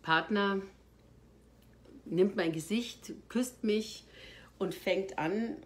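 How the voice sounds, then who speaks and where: A woman, an actress, telling behind-the-scenes anecdotes in an animated way, jumping from loud bursts to hushed, almost whispered asides. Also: medium pitch, very slow. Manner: expressive, swings from loud outbursts to hushed near-whispers.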